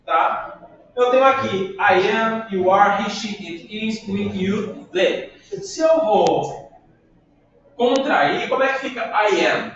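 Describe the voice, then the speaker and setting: A male English teacher leads his class with upbeat energy, drilling pronunciation and calling on students by name. His voice sits fairly high and sounds distant and muffled, with heavy classroom echo. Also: expressive, takes it slowly, fairly bright tone.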